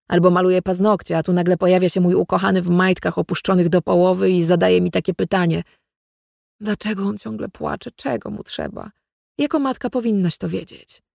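Gravelly, measured woman narrating a novel. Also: on the low side, a little mellow, no echo, studio quality. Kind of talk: first-person literary audiobook narration.

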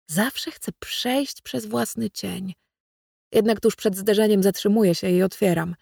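Gravelly, measured woman narrating a novel. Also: on the low side, dark tone, dry recording, clean studio sound. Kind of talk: first-person literary audiobook narration.

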